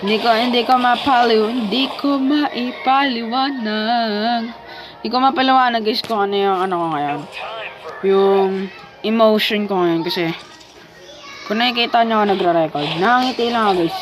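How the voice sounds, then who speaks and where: A woman's voice: on the high side, moderate pace, rough recording. A woman chatting playfully as she comments on her own mobile gameplay. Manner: playful, chatty, self-talking while playing. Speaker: gaming vlogger.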